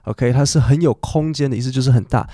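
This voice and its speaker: A man hosts a relaxed podcast lesson and talks his way through English words, with plenty of fillers. His voice is mellow and warm, in a middle register. The recording is dry and close to the mic. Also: mid-range voice, fast, no room sound. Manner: chatty, explains English words in Mandarin with many fillers. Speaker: podcast host and English teacher.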